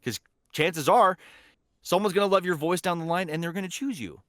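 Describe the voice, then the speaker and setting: His voice sits high, a bit bright, and moves a little fast. As a podcast guest, this voice actor and voice acting teacher gives encouraging advice conversationally, emphatic and repeating key phrases. The recording is dry and studio quality.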